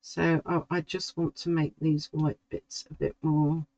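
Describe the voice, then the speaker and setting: A middle-aged woman, slowly talking through a drawing as she works and musing to herself. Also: deep voice, level tone, mellow, dry recording, dull audio. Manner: slow, musing, talks to herself while drawing. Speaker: art tutor. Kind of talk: relaxed painting tutorial.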